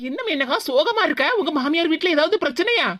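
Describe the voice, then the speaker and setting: Woman doing a brisk young daughter-in-law. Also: very high-pitched, expressive, fairly bright tone, a little hiss or hum.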